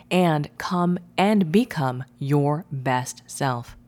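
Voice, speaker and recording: A woman's voice: low-pitched, darkish tone. A woman reading a scripted audio newsletter as its host, poised and speaking intimately to the listener.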